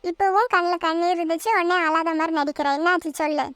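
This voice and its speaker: A woman's voice: very high voice, fairly even intonation, fast talker, a bit bright, no echo, clean studio sound. A woman voicing a bratty, nosy little sister in a cartoon, with a whiny, tattling way of talking. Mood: nagging, tattling. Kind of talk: cartoon voice acting.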